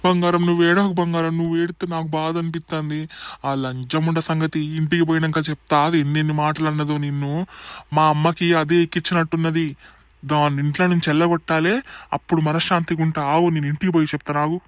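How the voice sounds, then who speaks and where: A man voicing a hot-tempered young village husband with a Telangana accent, talking in rapid bursts. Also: a little high, level tone, clean tone, dry recording, highs cut off, lightly acted. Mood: soothing. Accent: Telangana Telugu. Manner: rapid scolding.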